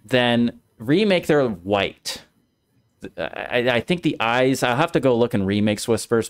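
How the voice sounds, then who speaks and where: Low-voiced man analyzing a game story. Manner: thoughtful, restarts mid-sentence while reasoning aloud. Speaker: streamer and co-host. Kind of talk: casual game discussion.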